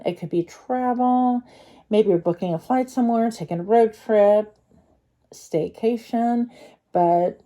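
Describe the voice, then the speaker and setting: A tarot card reader with a cold, her voice congested, gives her viewers a casual, chatty reading full of fillers and restarts. Her voice is medium-pitched and warm.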